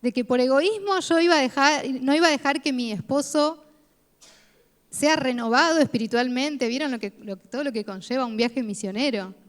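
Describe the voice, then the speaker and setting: A woman's voice: sits high, normal speed. Rioplatense woman preaching in reverberant church hall. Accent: Rioplatense Spanish. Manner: personal, earnest testimony with frequent rhetorical "¿no?". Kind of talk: sermon.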